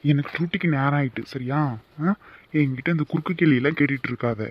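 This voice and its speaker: A man plays an irritable young boyfriend in a cartoon drama. His slightly high voice is brusque and dismissive, with a faint hiss on the track. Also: quick pace, highs cut off, natural voice. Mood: irritated. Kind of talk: animated cartoon voice acting.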